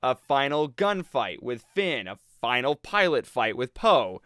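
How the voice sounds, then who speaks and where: A man's voice: medium pitch, sing-song, a little slow, a bit bright, clear, resonant tone, dry recording, clean studio sound. A man giving a rambling, sarcastic movie review, acting out the audience's reactions as he goes. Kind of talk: casual commentary.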